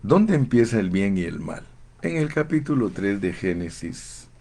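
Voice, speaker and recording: A man preaching a sermon in a slow, emphatic, fervent way, often calling his listeners brother. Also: lowish voice, very animated, warm tone. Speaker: pastor.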